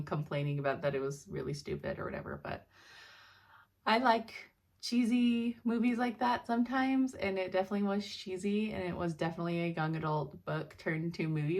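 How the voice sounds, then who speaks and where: Young woman, casual chat, rambling, sleepy, laughs often, at home. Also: lowish voice. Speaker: cross-stitch vlogger.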